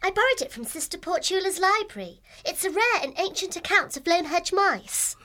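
Kind bookish young hare maiden, well-spoken, high and lively, played by a woman. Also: fairly quick, full character voice. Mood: gentle. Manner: gentle, well-spoken storytelling.

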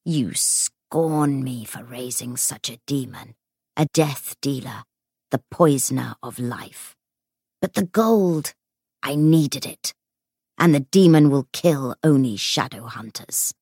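A woman voicing the murdered ghost of a bitter male warlock, with a hollow, hissing voice and a slow, brooding delivery. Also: rumbling low, mellow, breathy edge, no room sound, clean studio sound, heavily acted. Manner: slow, brooding, sinking to a whisper.

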